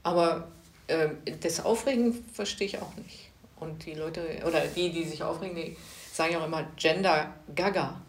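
Low-voiced woman co-hosting a chat. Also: normal speed. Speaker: podcast co-host. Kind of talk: casual chat. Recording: echoey room.

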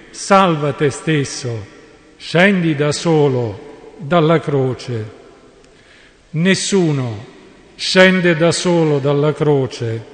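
Slow solemn preacher in a reverberant church. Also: male voice, high-pitched. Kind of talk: sermon. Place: large church.

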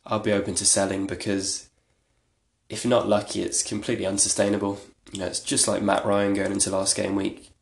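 Male podcast host, low gravelly voice, flat delivery, rambling and self-deprecating, echoey room. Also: brisk, slight background noise. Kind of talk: casual solo podcast talk.

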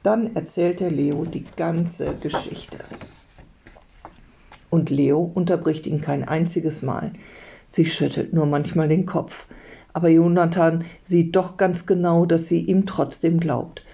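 A woman teacher calmly reading a children's book aloud to her class. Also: deep voice, takes it slowly, gravelly. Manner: calm, steady storytelling. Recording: dull lo-fi recording.

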